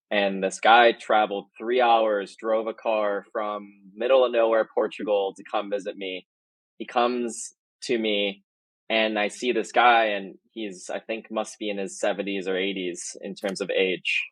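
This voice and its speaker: A man's voice: fairly low pitch, no echo, rough recording. Man telling a rambling podcast story. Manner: rambling, self-correcting anecdote teller. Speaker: marketing executive guest.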